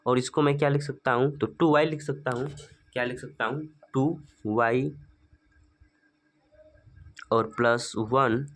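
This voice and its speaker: A man's voice: mid-range voice, steady tone. Male maths teacher, patient step-by-step explainer using rhetorical questions. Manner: asks rhetorical questions and answers them; slow, stepwise working-through. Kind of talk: spoken maths lesson.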